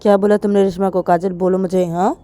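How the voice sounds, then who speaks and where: A woman's voice: medium pitch, flat delivery, fast, warm tone, natural voice. A woman voicing a stern mother who scolds and demands answers with insistent repeated questions. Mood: scolding. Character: stern angry mother interrogating her daughters.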